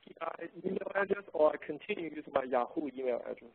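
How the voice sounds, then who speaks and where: A man's voice: a little high, animated, fast, background noise. A man on a work phone call, his voice breaking up on the line as he asks careful checking questions. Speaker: new hire.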